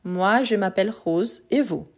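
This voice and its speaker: A woman's voice: mid-range voice, unhurried. A woman teaching French grammar in a live lesson, patient and methodical, repeating examples step by step, Portuguese her first language.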